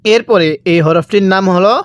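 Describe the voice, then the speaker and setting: A man's voice: high-pitched, normal speed, dry recording. Patient man teaching letter sounds, dry. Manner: patient, repeats each letter and asks the viewer back. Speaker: Quran reading teacher. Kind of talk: step-by-step recitation lesson.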